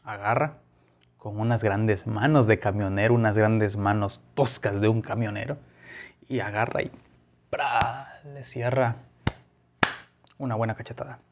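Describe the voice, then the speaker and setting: Preacher telling a story. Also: male voice, fairly low pitch, fairly even intonation, measured pace. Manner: conversational, with frequent fillers. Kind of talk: sermon told as a personal anecdote.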